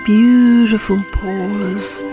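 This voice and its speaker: A woman host guiding a calm grounding exercise, soothing and unhurried, leaving long pauses between short phrases. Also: medium pitch. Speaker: host of a meditation podcast. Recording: music behind the voice. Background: clear music.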